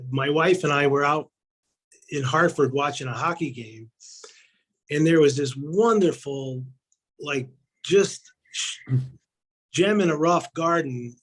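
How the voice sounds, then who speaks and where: Man, casual storyteller, slightly raised pitch, acts out quotes, video call. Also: a bit bright, poor audio. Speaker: community member sharing memories.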